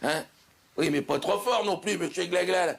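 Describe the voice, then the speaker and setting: A man's voice: high-pitched, moderate pace, gravelly, a little hiss or hum. A man playing an exasperated middle-aged doctor on a night call, chatty and impatient, talking over everyone in a one-man comic sketch.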